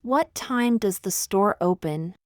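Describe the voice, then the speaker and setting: A woman reads practice phrases for learners, one at a time. She speaks very slowly and deliberately in a smooth, clear voice at a middle pitch. The sound is dry and close. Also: expressive, darkish tone, dry recording. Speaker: language teacher. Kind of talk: reading example phrases for learners.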